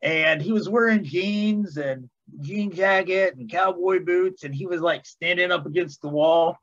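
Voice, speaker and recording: A man in his fifties joins as a podcast guest, telling stories in an easygoing, folksy way with plenty of hesitant pauses. His voice is fairly high, and it comes through slightly dull and muffled over a call. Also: fairly bright tone. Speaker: author and guest. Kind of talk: casual interview chat.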